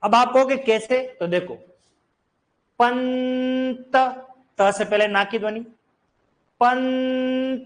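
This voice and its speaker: A Hindi teacher with a high voice gives a classroom grammar lecture at normal speed, hardly pausing. He explains step by step and quizzes his students as he goes.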